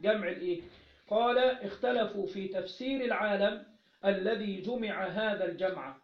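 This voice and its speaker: A man's voice: high-pitched, moderate pace. A man with an Egyptian accent teaching a religious text, asking questions and then answering them himself, often repeating key phrases. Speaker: teacher of Islamic jurisprudence. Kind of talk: religious lesson, explaining a text. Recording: roomy, dull lo-fi recording.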